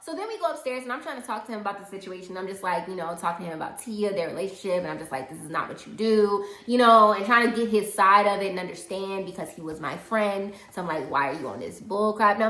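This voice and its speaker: Woman, casual storytime, animated, swooping pitch, echoey room. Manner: animated, laughing, acts out quoted voices. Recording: roomy echo.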